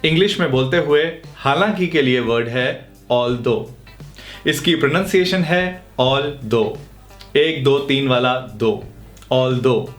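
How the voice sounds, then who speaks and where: A man teaching English grammar in Hindi, reading the English example sentences very slowly and clearly. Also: medium pitch, lively intonation, a bit bright, reverberant, soft background music.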